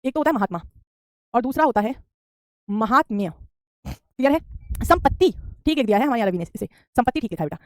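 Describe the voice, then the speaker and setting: Female teacher, brisk and fast, high-ish voice, repeats each word for students, dry close sound. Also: lively intonation, dry recording. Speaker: Hindi teacher. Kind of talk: online spelling lesson.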